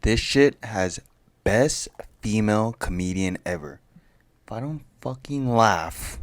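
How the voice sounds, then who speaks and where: A man's voice: lowish voice, animated, takes it slowly. A man reacting to comedy clips with blunt, profane, scoffing commentary. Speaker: reaction streamer.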